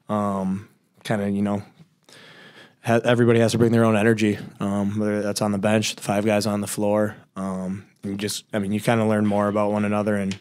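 A young college basketball player talks into a table mic at a postgame press conference. His voice sits low and flat, and he rambles loosely with plenty of fillers. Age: young adult. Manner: rambling, casual, many fillers.

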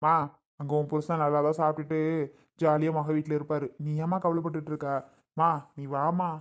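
A woman's voice: low voice, level tone, brisk, natural voice. A woman playing a caring grown son who coaxes and reassures his mother in a family skit. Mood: coaxing. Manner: coaxing, reassuring.

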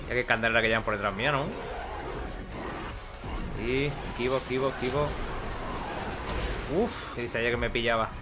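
A man gives lively, chatty commentary over his gameplay, swearing now and then in a casual way. His voice sits at an ordinary middle pitch. Loud game noise runs behind him. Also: normal speed, pauses often. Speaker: gaming video host.

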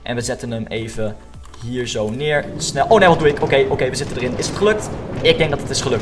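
A young man doing excited Minecraft gameplay commentary, addressing viewers and dropping English slang into his speech. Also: medium pitch, very noisy. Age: young adult. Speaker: gaming YouTuber.

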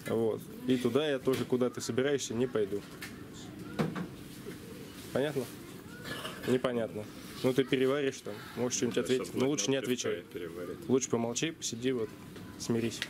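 A man's voice: mid-range voice, fairly even intonation, brisk, pauses often, crowd noise. A man acting as a citizen activist, talking confrontationally on camera in a sarcastic, taunting manner. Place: indoors, supermarket. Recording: noisy supermarket room, handheld camera.

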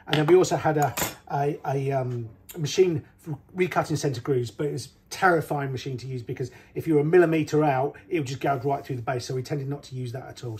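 A middle-aged man from Britain, a ski technician, talking through a hands-on repair in a small workshop in a practical, relaxed way with some fillers. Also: on the high side.

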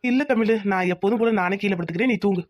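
A woman voicing a gentle, devoted young village husband who works as a mechanic. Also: mid-range voice, no echo, studio quality, natural voice. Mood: tender. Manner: gentle, reassuring, quick talk. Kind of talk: cartoon voice acting.

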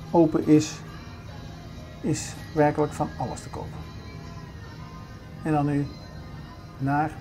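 Older man, vlogger, mellow voice, chatty walk-through, indoor supermarket, phone camera. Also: a little high. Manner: chatty, showing things around as he walks. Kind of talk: casual shopping vlog narration.

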